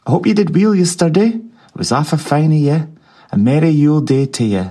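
A man's voice: fairly high pitch, brisk, warm tone, slightly rough, voice pushed up. A man voicing Scrooge as a reformed, generous old miser, with a Doric Scots accent and a hearty, eager way of talking.

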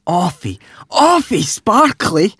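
A man voicing excited young girl animal characters from a children's storybook, in a broad Scottish accent with a sing-song delivery. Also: high voice, slow, husky, no room sound, clean studio sound, pitched above the performer's own voice, full character voice. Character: excited young girl piglet and her friend.

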